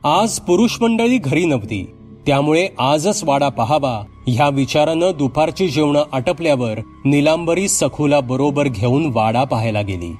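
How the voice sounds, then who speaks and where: A man's voice: a little high, expressive, moderate pace, darkish tone, soft background music. Suspenseful male horror storyteller. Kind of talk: scripted horror narration.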